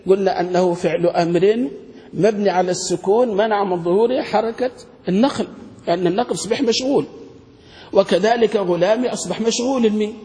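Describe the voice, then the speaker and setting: A sheikh with a high-pitched voice is teaching grammar from a classical text. He keeps asking his students questions, answers them himself, and says key words twice. The sound rings with a long hall reverb. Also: warm tone.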